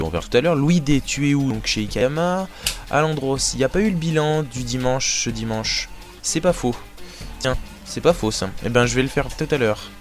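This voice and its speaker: A man hosting a live show in casual chat, reading out listener messages with joking banter. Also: medium pitch. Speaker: host.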